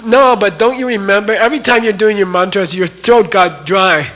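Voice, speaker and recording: A serene divine teacher chides softly but firmly in a lifted, bright voice, as a man telling the story puts him on. The tone stays earnest and a little teasing. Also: sits high, moderate pace, voice pushed up. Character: calm, gently scolding male divine teacher.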